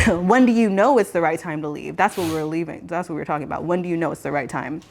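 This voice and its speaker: A woman's voice: low voice, gravelly. Playful woman podcast co-host. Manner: playful, teasing, quick to laugh. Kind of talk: casual chat.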